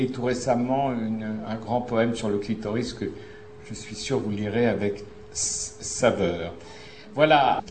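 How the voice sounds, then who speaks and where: Older man, halting stage host. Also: medium pitch, a little mellow, a little hiss or hum. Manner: slow, halting, with many fillers. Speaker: host, stage director introducing a guest. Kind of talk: stage introduction. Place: theatre, before an audience.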